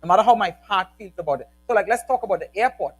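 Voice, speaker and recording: Emphatic pastor man, animated. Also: high voice, rapid-fire, breathy edge, rough recording. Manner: energetic, emphatic, animated storytelling. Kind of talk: church panel discussion.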